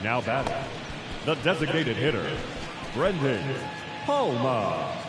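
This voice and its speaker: A man voicing a formal stadium announcer heard over the PA loudspeaker, drawing out each name slowly. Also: medium pitch, very animated, very noisy. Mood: announcing. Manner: slow, drawn-out name calls. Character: formal male ballpark PA announcer, booming. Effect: ballpark PA loudspeaker. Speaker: stadium public address announcer. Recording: distant echoey PA with loud crowd.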